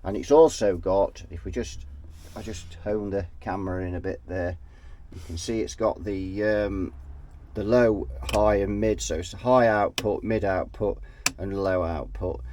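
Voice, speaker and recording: A deep, measured male voice, slightly mellow, with a faint hiss or hum in the recording. He has a head cold and sounds nasal and sniffly as he casually talks through an amp repair at his workbench. He thinks aloud, often trailing off mid-thought and starting over.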